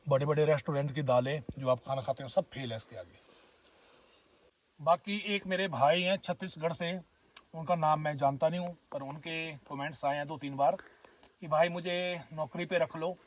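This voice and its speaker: A man's voice: on the high side, fairly even intonation, moderate pace, distant mic. Chatty Himachali man vlogging outdoors. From Himachal Pradesh, India. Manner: chatty, addresses viewers as friends and brothers. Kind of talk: casual vlog narration. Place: outdoors at a forest herders' camp.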